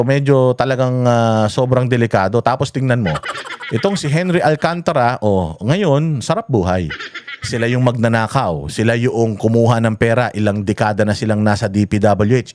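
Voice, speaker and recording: A man's voice: medium pitch, a little mellow, slight background noise. A man with a Filipino accent delivering heated, profane political commentary straight to his viewers. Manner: angry, profane, addresses viewers as bossing.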